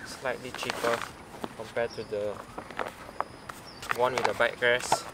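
Laid-back male fishing vlogger, slow easygoing talk, loud outdoor noise behind. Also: medium pitch. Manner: relaxed, unhurried, thinking aloud. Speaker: fishing channel host. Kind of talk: casual vlog narration.

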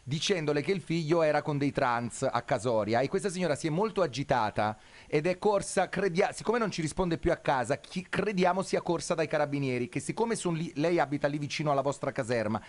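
A man's voice: on the high side, lively intonation, a little fast, few pauses. A man with a Neapolitan accent hosting a radio show, bantering through prank calls. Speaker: radio host.

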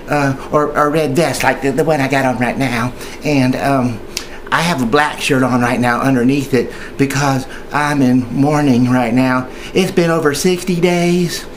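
A man who is a union member gives tips in an informal training video, chatty and hesitant, rambling and often repeating himself. His voice is on the high side, with slight background noise.

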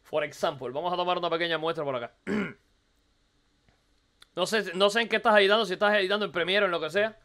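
A rapid-fire Cuban man critiques a viewer's video live, teasing, repeating phrases and firing off rhetorical questions. His voice sits high and sounds bright and a little hoarse. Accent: Cuban Spanish. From Cuba. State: hoarse from recording the night before. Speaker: streamer reviewing a viewer's video. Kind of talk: casual live-stream commentary.

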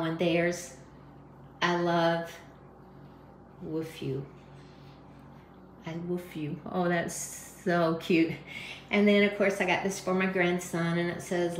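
A woman's voice: lowish voice, a little hiss or hum. A woman in her fifties chatting casually for her vlog, gushing and proud, filmed on a phone at arm's length. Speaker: vlogger. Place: home kitchen, then restaurant bar with TVs. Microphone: phone camera at arm's length.

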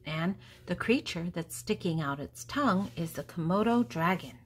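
Reading a children's picture book aloud as host, this older woman speaks in a lowish, husky voice with animated energy. Her manner is teacherly and deliberate, with pauses between words, broad pitch swings, named objects, and simple questions and answers for young listeners.

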